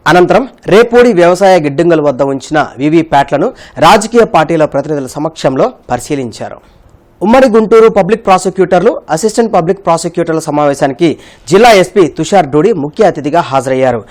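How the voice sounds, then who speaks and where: A man's voice: high voice, darkish tone. A man reading local news bulletins in a formal, scripted manner. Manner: brisk, formal delivery. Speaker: news reader.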